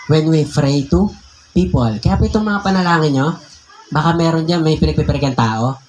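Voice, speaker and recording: A man with a Filipino accent, a pastor telling a personal story in a conversational, animated sermon, often laughing. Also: fairly high pitch, fairly quick, slight background noise. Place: church hall.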